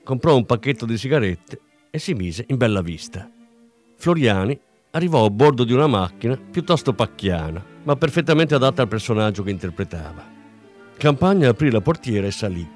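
A man reading a crime novel aloud in a measured, expressive way. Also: mid-range voice, soft background music. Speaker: audiobook reader. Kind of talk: scripted narration.

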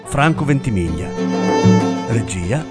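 A man announces a radio reading program in a slow, formal voice. Loud violin music plays behind him the whole time. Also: medium pitch, big pitch swings.

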